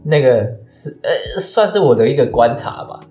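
A young man talks his way through a long explanation, pausing on fillers. His voice sits at an ordinary middle pitch. Soft music plays faintly underneath. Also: expressive. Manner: explains at length, hesitant fillers. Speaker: podcast co-host, student. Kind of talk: casual chat.

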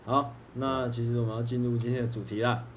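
Man, Taiwanese accent, very quick speech, mid-pitched, blunt teasing podcast co-host, casual. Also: flat delivery, slight background noise. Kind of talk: casual chat.

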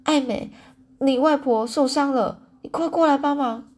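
A woman's voice: fairly high pitch, expressive, normal speed, darkish tone, voice pushed up. A woman voicing a flustered middle-aged male building manager, urgent and exasperated.

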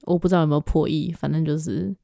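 A woman's voice: deep voice, steady tone, fast talker, vocal fry, dark tone, no room sound, clean studio sound. A young woman with a Taiwanese Mandarin accent, chatting casually and agreeably as a podcast co-host. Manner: attentive, agreeing, backchannels often. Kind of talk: casual chat.

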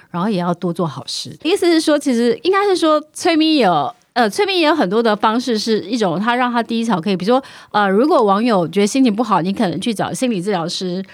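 A woman, co-hosting a podcast and sharing thoughtful reflections, often pausing on fillers. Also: medium pitch, dry recording, clean studio sound. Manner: reflective, listens with steady murmurs, halting with fillers. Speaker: podcast co-host. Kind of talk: casual chat.

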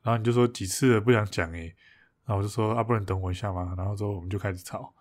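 Speaking rapid-fire in a fairly low voice, a male podcast co-host casually goes back over a fight. He laughs a lot and keeps restarting as he tells it.

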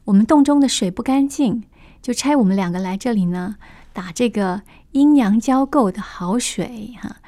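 Gossipy female demon servants, as a woman storyteller puts them on, coaxing and a little high. Close, dry radio-story sound. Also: normal speed, warm tone, no room sound, natural voice. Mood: confiding. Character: two scheming female demon water-carriers.

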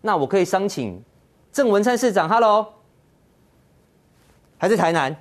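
A man's voice: high-pitched, lively intonation, normal speed. A man with a Taiwanese Mandarin accent hosting a political talk show, ranting sarcastically and firing mocking rhetorical questions. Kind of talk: heated political commentary.

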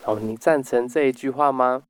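Smooth-voiced man summarizing a book. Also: medium pitch, steady tone, normal speed, no echo. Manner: explanatory, sprinkles sentences with soft "oh" particles. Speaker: podcast host.

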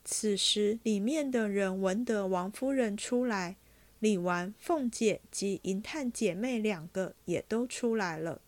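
A woman reading a classic novel aloud as a podcast host, in steady, measured storytelling. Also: medium pitch.

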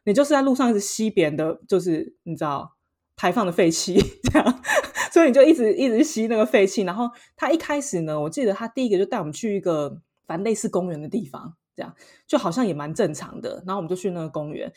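A woman's voice: medium pitch, quick pace. A woman speaking Mandarin with a Taiwanese accent, co-hosting a casual podcast. She tells her stories with lots of energy, acting out quotes and laughing between them. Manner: animated, acts out quotes, laughs often. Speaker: podcast co-host. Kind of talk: casual chat, storytelling.

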